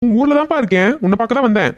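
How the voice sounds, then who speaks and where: A woman's voice: on the high side, expressive, rapid-fire, lo-fi sound, close to an everyday voice. A woman voicing a playful young man who coaxes and pleads with his girlfriend in a cartoon. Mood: coaxing. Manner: coaxing, cheeky.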